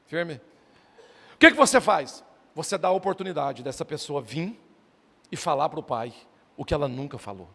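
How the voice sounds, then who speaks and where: A middle-aged male pastor preaches a sermon in a slightly high, creaky voice with a fairly bright tone. He is emphatic and keeps calling out to his listeners as "irmãos," or brothers. The long reverb of a church hall surrounds the recording.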